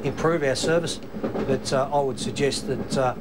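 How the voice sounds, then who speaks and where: A middle-aged Australian train driver talking casually from his cab, halting now and then with fillers. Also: mid-range voice, fairly even intonation, very noisy. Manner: plain-spoken, halting with fillers. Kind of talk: casual documentary interview.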